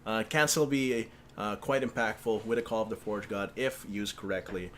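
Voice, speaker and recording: A man's voice: lowish voice, normal speed, a bit bright. Guy calling a video game match, laughs a lot, um's and uh's, slight background hum. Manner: laughs easily, hesitant fillers. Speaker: esports caster. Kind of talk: play-by-play commentary.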